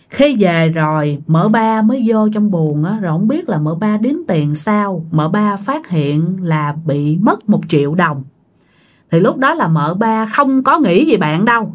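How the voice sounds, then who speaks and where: A woman telling a ghost story in a chatty, casual way, talking straight to her listeners. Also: mid-range voice. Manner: chatty, addresses listeners directly.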